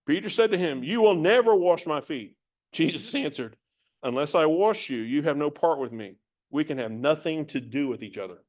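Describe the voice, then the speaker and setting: A man's voice: fairly high pitch, animated, brisk. A man teaching a Bible passage verse by verse, reading it from several translations and musing on it in a conversational way.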